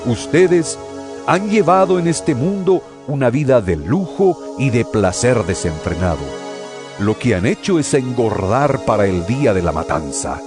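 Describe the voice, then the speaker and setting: In a studio audio drama with music behind him, a man at medium pitch narrates a Bible epistle as a stern, fervent apostle exhorting believers. His reading is solemn, emphatic and deliberate, carrying a fierce warning.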